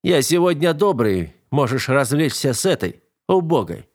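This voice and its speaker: A man's voice: fairly high pitch, big pitch swings, dry recording, clean studio sound, pitched above the performer's own voice. A man reading a sneering cruel young lord. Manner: sneering, taunting, drawn-out commands. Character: cruel arrogant young male noble master. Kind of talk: audiobook character voice.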